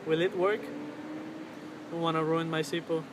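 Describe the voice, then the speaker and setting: A man in his twenties talks casually in a slightly high, fairly monotone voice, pausing and searching for words. He is outdoors on a camera's built-in mic, with clear traffic and ambient noise behind him. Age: 20s. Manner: hesitant, halting, searching for words. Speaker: vlogger. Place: outdoors on a riverbank under a road bridge. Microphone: camera's built-in mic at arm's length.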